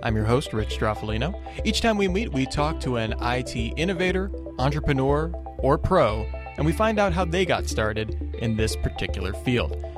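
A man hosts a podcast, introducing his guest and asking curious, friendly questions. His voice sits at a middle pitch, and music plays clearly underneath. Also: very animated, moderate pace. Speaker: podcast host. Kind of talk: podcast interview.

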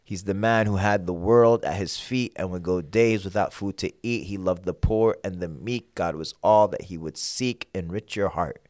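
A fairly low-pitched man from Sudan speaks as a podcast guest. He recites rhyming spoken-word verse with a rhythmic, emphatic delivery that swells at its peaks, then relaxes into easygoing chat. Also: normal speed, few pauses, darkish tone.

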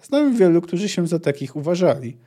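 Laconic sardonic sword teacher from a fantasy book, mellow voice, read by a guy. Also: fairly high pitch, big pitch swings, fairly quick, voice pushed up. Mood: wry. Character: dry, wry male swordsman, calm and sardonic.

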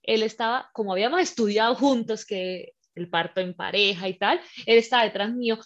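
A woman telling a personal story in casual chat, animated and acting out the scenes with her voice. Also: mid-range voice, fairly quick. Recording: slightly muffled lo-fi recording.

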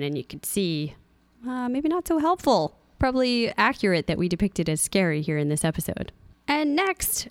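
At medium pitch and with no echo, a woman co-hosts a podcast, moving between casual talk and an informative segment she's prepared. She reads from notes, often breaking off for asides and laughter.

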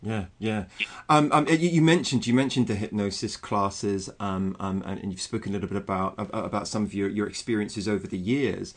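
A man interviewing a guest, asking long questions with many halting restarts and fillers. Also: fairly low pitch.

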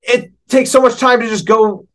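This middle-aged American man has a very high-pitched voice and speaks at normal speed. As an interview guest he chats casually, telling stories with animated, colloquial flair.

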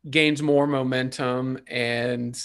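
A man's voice: medium pitch, steady tone, slow, a bit bright. Male co-host, casual and enthusiastic, rambling delivery. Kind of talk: casual chat.

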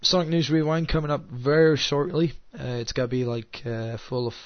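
A man's voice: mid-range voice, fairly even intonation, no room sound, muffled recording. Sick Scottish man with a sore throat. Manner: rambling, halting, wry and sarcastic. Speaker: radio show host. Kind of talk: casual solo podcast chat. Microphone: headset.

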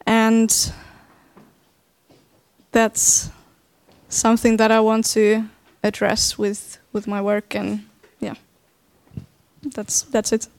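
A woman's voice: fairly high pitch, completely flat delivery, drawn-out words, gravelly, long pauses, a little mellow, clean tone. A woman with a Finnish accent speaking unscripted as a panelist, hesitantly searching for words. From Finland. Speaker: panelist, dance artist.

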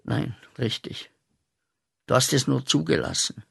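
Radio play: a bitter young war veteran railing at God. Slow and gravelly with a husky edge, going from muttered to shouted. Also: male voice, mid-range voice, heavily acted.

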